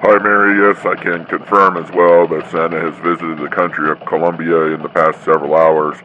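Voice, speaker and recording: A man's voice: sits low, little pitch movement, a little fast, bright, forceful tone. A man playing a matter-of-fact Christmas elf correspondent, calling in a scripted radio report over a phone-like line. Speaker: field correspondent. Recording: tinny phone-like radio line, faint noise.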